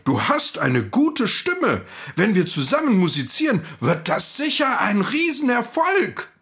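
A man's voice: high voice, wildly swooping pitch, unhurried, fairly bright tone, pitched above the performer's own voice, exaggerated voice. A man voicing a cheerful, bossy old male donkey in a fairy tale reading, talking in an eager, coaxing way. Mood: encouraging.

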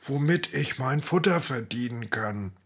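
A worn-out old hunting dog from a storybook, whining in a breathless, plaintive voice, as a man puts him on. Raised well above a man's usual pitch, slightly husky and slow. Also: animated, fairly bright tone, full character voice.

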